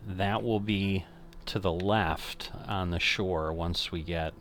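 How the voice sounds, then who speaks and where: A man's voice: low-pitched, steady tone, slow pace, fairly bright tone, a little hiss or hum. An older man casually commenting on a flight simulator game, thinking aloud and correcting himself as he goes. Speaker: flight sim streamer.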